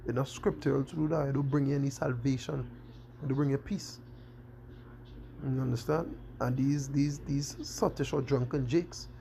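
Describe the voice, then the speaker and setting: Male street preacher, gravelly fry, keeps asking "you understand?". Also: medium pitch, a little mellow, slight background noise. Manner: repeats "you understand?" constantly. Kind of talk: scripture-quoting sermon.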